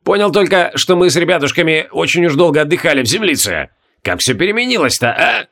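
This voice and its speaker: A man's voice: a little high, big pitch swings, fast, fairly bright tone, voice pushed up, exaggerated voice. A man voicing a jovial, folksy old undead marshal who speaks in rustic turns of phrase and barks commands at his troops. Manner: folksy rustic speech, gruff barking commands.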